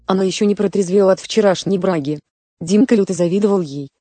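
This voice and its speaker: Woman narrating a story, mellow voice. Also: mid-range voice, fast talker, dry recording.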